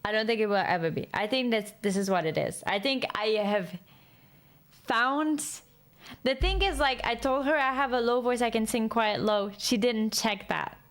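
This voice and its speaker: A woman chatting casually with her viewers, rambling, lively and laughing often. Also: fairly high pitch, normal speed. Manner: speaks in a lively way. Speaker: streamer.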